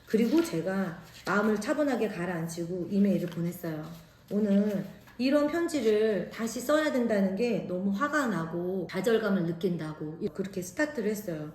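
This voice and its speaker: Middle-aged Korean mom vlogger, loud voice, mid-pitched, echoey room. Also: female voice. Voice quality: naturally loud voice. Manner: animated, acts out quoted lines. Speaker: vlogger, mother. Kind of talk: casual storytelling.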